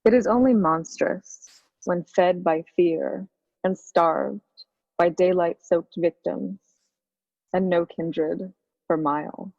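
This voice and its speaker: A sardonic undead woman from the underworld, voiced by a woman, dry-witted and unhurried. her voice sits low, with a dull, lo-fi sound and a long reverb tail, though it stays close and dry. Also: darkish tone.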